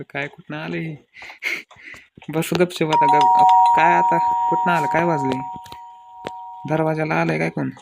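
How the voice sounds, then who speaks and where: A young man with a gravelly, fry-edged voice rattles off excitable, crude, comic gameplay commentary. He scolds and exclaims at the screen constantly. Steady background noise sits under his voice. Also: fairly high pitch.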